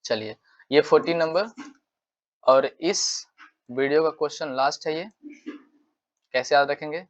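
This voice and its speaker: A man's voice: fairly high pitch, measured pace. A male English teacher giving a casual exam-prep lesson, repeating himself and checking in with tag questions. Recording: dull lo-fi sound.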